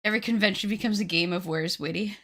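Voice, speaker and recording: A woman in her late twenties crafts on a live stream while chatting casually with viewers, joking with the chat and poking fun at herself. Her voice is medium-pitched and a bit bright, and she talks quickly.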